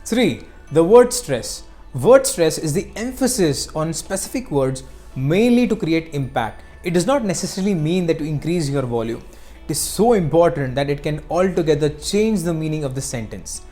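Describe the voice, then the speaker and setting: A teacher giving scripted narration on speaking skills, explaining clearly and acting out short examples. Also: medium pitch, very animated, normal speed, warm tone, soft background music.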